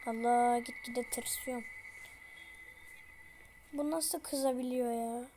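A young woman plays a horror game and talks to the screen, with a high voice and an unhurried pace. She chats casually in slang and breaks into panicky outbursts. Faint noise sits behind her. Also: fairly even intonation, dark tone. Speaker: gameplay streamer.

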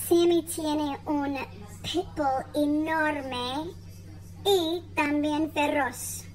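Playful female teacher-storyteller, high and very slow for learners. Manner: playful, animated, laughs often, very clear. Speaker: Spanish teacher telling a story.

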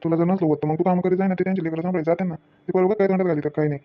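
A nagging old grandmother, put on by a woman, flat and low-voiced, scolding in a rapid stream. The sound is dull and muffled. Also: lightly acted. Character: grumbling elderly village woman, mother-in-law.

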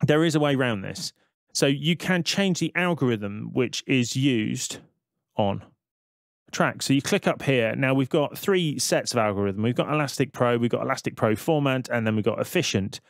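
Like a tutor walking through a screen recording, this man narrates a software tutorial in an easygoing, conversational way, explaining each step. His middle-pitched voice sounds creaky, captured close and dry with no echo.

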